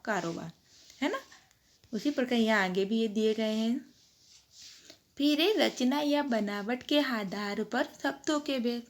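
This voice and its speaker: A woman teacher giving a grammar lesson to children, drawing out example words and asking the class questions. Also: fairly high pitch.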